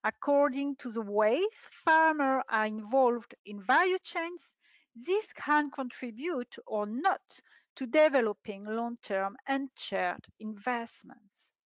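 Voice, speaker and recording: A middle-aged woman, a researcher, reading a prepared presentation in a measured, formal way over a video call. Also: a little high, expressive, no room sound. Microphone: video call webcam. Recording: dull lo-fi webinar audio.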